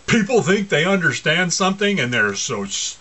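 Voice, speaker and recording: A man's voice: a little high, very animated, moderate pace, sharp tone. A man preaching an informal sermon, mocking and asking rhetorical questions, often laughing to himself.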